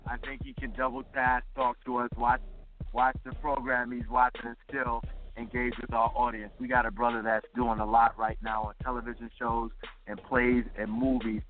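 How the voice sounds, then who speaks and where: A man co-hosting a talk show, introducing the guest in a steady way. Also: medium pitch, moderate pace. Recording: tinny lo-fi line with faint music.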